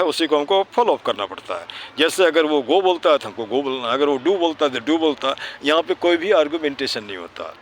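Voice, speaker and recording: His fairly high, fairly bright voice carries over slight background noise as he teaches children English pronunciation outdoors. Speaking with an Indian English accent, he answers his own questions and tags phrases with "है ना."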